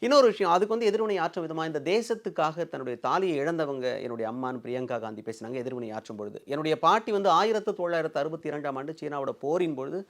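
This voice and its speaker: A man's voice: fairly high pitch, fast, few pauses. A man hosting a political interview, setting out context at length before putting his questions. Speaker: interviewer, host.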